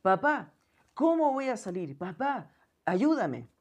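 A woman's voice: medium pitch, big pitch swings, slow, pitched above the performer's own voice. A woman voicing a frightened small boy calling to his father in a story within her sermon. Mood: pleading. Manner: pleading, calling out.

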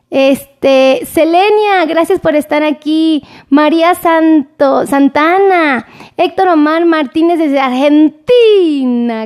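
Chatty high-voiced Mexican woman doctor. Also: a little mellow. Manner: chatty, affectionate, greets viewers by name. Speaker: doctor hosting a live stream. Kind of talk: casual live-stream chat reading viewer comments.

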